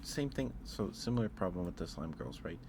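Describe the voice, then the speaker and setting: Hosting a casual ASMR livestream, the man speaks quietly in a low register but at a slightly quick clip. He drifts from point to point, pausing uncertainly, over a constant hum of noise.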